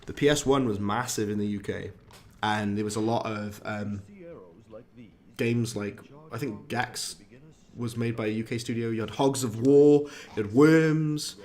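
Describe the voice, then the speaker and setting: A man's voice: lowish voice, fairly even intonation, measured pace, a little mellow. A young man chatting and joking as he streams a game. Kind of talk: casual live-stream commentary.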